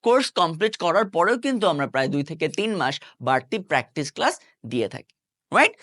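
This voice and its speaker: A middle-aged man leads an online English lesson. His pitch swings widely as he walks through each point and checks in with the viewer. The sound is dry and close, with no room around it. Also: very animated, quick pace, a bit bright, no room sound. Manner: explains step by step, asking the viewer rhetorical check questions. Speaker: English teacher.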